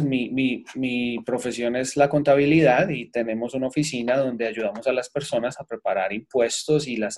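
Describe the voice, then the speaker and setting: A man's voice: mid-range voice, a little mellow. A man with a Colombian accent, an accountant presenting an earnest seminar talk on a video call. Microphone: webcam on a video call.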